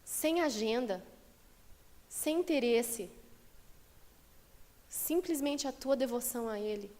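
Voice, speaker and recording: Woman pastor, high voice, lively conversational sermon, long church reverb. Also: slow. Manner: lively, conversational preaching with acted quotes. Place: church sanctuary.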